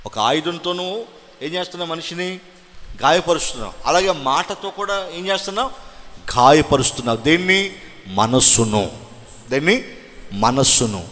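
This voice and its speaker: A male pastor delivers a Sunday sermon in a fairly high, bright, forceful voice that rings through a reverberant church hall. He drives it with call-and-response questions and loud bursts of exhortation. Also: lively intonation, moderate pace, long pauses.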